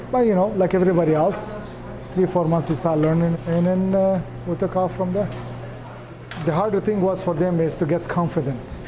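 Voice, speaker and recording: A man's voice: fairly high pitch, poor audio. A man from Lebanon, a restaurant owner talking earnestly in a news feature interview. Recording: music bed under voice. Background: music.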